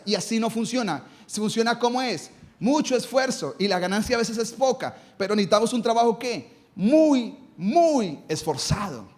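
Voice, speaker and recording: A male pastor preaching a live sermon in his church, asking rhetorical questions and answering them himself. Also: high-pitched.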